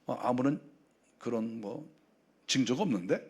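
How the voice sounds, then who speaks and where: A preacher playing envious, brusque Cain. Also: male voice, medium pitch, moderate pace, a little mellow, husky, pitched below the performer's own voice, lightly acted.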